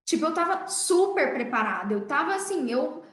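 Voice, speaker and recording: A woman's voice: sits high, big pitch swings, normal speed, a bit bright. A young adult woman with a Brazilian accent, a dentist telling her story to colleagues in a chatty way and often checking in with her listeners. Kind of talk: casual storytelling to an audience of colleagues. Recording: echoey room.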